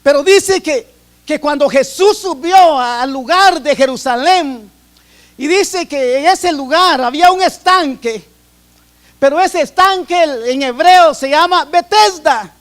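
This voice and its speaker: Very high-voiced Guatemalan preacher. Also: male voice, unhurried, a bit bright. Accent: Guatemalan Spanish. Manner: earnest, repeats and restarts phrases while preaching. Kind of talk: sermon.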